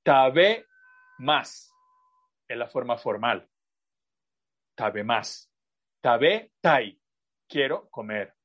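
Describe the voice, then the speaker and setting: Over a video call, a man teaches a language class, patiently working through examples and asides with plenty of fillers and drawn-out, repetitive phrasing. His medium-pitched voice is expressive, though the recording is muffled.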